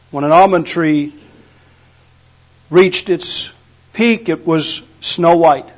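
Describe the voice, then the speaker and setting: Older male preacher, high-pitched, homespun humor, muffled lo-fi sound. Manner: folksy storytelling with humor. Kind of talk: sermon. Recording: dull lo-fi recording.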